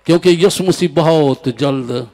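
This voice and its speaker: An older man preaching a sermon from a church pulpit, slow and emphatic, repeating key phrases into a handheld mic. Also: on the high side, vocal fry, warm tone. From Pakistan. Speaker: pastor. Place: large church stage with a crowd.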